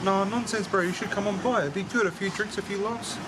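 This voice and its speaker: A man's voice: high-pitched, steady tone, brisk, lightly acted. A man playing a chummy, upbeat young bloke with a broad New Zealand accent and casual slangy delivery, in a comedy short. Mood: friendly. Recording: music and crowd noise behind.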